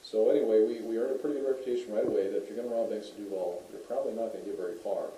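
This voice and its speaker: Quick-talking middle-aged policeman telling stories. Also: fairly low pitch, steady tone, mellow. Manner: chatty storyteller, frequent "uh" fillers and restarts. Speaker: police officer speaking to local residents. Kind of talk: anecdotal community talk. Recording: echoey room, voice heard from a distance.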